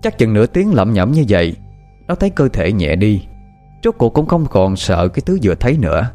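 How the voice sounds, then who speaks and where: A male horror storyteller with a low voice. He narrates in a lively, dramatic way, and his pitch moves freely up and down. Faint music plays underneath. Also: a little fast. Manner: expressive, dramatic pacing.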